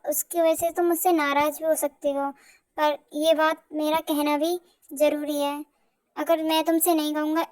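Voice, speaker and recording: A woman's voice: sits high, a little mellow, natural voice. A woman voicing a secretive young husband who talks hesitantly and then firmly, in an amateur fan audio drama. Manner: hesitant, evasive, then firm.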